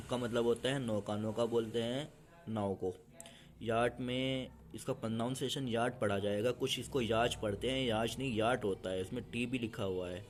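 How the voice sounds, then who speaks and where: A man's voice: fairly low pitch, a little hiss or hum. A man teaching an English grammar lesson, patiently repeating each point two ways.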